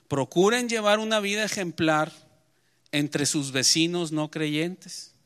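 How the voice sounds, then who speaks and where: A middle-aged man delivers a sermon and reads scripture aloud. His voice is bright, smooth and slightly high for a man. He drives his main points with force, then lets each phrase sink to a quiet close. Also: very slow. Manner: emphatic preaching that swells and then drops to a quiet close. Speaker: pastor.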